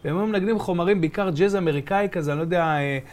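A middle-aged man from Be'er Sheva, a comedian telling stories as a guest in a casual interview and acting out voices and sounds. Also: sits high. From Israel, from Be'er Sheva. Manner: animated, acts out voices and sounds.

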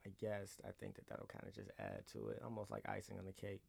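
A young man co-hosting a podcast in laid-back, measured casual chat. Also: sits low, sing-song, vocal fry, a little mellow, slightly rough. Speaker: podcast co-host.

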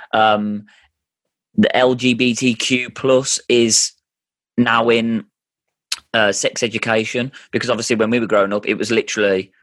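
A man's voice: lowish voice, a bit bright, no echo, studio quality. A man in his thirties hosting a casual family chat, earnest and often restarting his sentences. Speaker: podcast host.

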